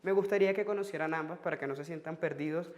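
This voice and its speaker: A man teaching a French lesson on video, explaining lively to his students and counting out examples on his fingers. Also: on the high side, fast talker.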